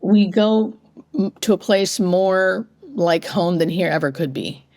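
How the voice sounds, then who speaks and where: A woman's voice: on the low side, unhurried, no room sound. Earnest woman in reflective conversation. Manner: earnest, informal, expressive. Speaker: interview guest, hospice nurse.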